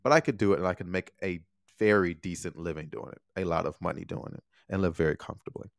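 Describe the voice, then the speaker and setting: Low-voiced man hosting a solo podcast. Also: fast, dry recording, clean studio sound. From United States. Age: young adult. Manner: animated, talks straight to listeners with rhetorical questions. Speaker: podcast host. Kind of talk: casual solo podcast monologue.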